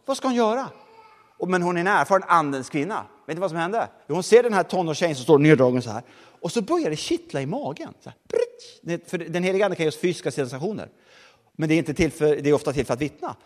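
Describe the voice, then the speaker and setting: A man preaching a sermon, telling stories with lively asides to the congregation. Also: a little high, in a large hall. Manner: lively storytelling with audience asides.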